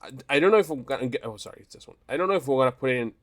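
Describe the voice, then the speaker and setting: A man's voice: mid-range voice, lively intonation, racing. A young man hosting his own tier-list channel while sick, his voice stuffed up and nasal. He rambles in a casual, unscripted way, restarting phrases and circling back as he goes. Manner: rambling, self-correcting, laughs between phrases. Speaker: YouTube channel host.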